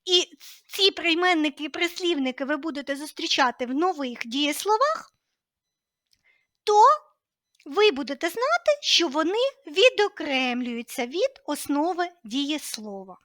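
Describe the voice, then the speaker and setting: High, lively woman teaching a language lesson. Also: measured pace, no room sound, studio quality. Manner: clear, patient explaining with lively emphasis.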